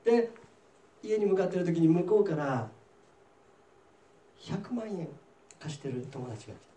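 A man delivers a sermon as a pastor, telling a parable in a lively storytelling manner. His voice sits high and swings widely in pitch, with a mellow tone. The sound is roomy and echoing, picked up from some distance away. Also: unhurried, slight background noise. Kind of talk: sermon with English interpretation.

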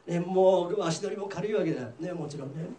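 A man preaching a sermon as pastor, telling a parable in a lively storytelling way. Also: sits high, brisk, roomy sound, recorded from a distance, slight background noise. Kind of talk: sermon with English interpretation.

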